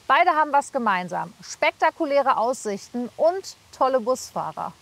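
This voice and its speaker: A woman presents a TV magazine segment with a fairly high, animated voice. She reads her lines as an upbeat studio introduction. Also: moderate pace, vocal fry. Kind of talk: scripted presenting.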